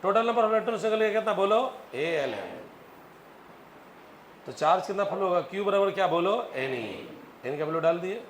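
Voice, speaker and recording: A male physics teacher lectures with animated storytelling and keeps quizzing his class. His voice sits a little high for a man. The room is echoey with a faint hum behind. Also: moderate pace.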